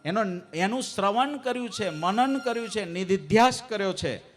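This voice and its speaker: A man preaching a devotional sermon to a live assembly, asking the audience questions and urging them to answer louder. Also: sits high, expressive, normal speed, faint music behind. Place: temple assembly hall.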